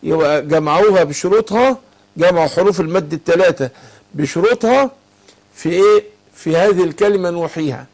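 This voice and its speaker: A man with an Egyptian Arabic accent and a high, slightly fast, somewhat mellow voice teaches tajweed as a Quran recitation teacher during a call-in lesson. He patiently asks his student to fill in the words.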